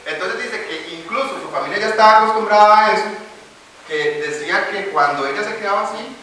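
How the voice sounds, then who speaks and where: A Costa Rican pastor preaches in an echoey church hall, recorded from a distant mic with slight background noise. His high, bright voice is brisk and pushed as he tells a story and then builds to emphatic declaiming.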